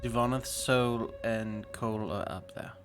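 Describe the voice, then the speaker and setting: A man voicing a steady, protective male adventurer who gives firm, reassuring commands. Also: lowish voice, unhurried, soft background music, lightly acted.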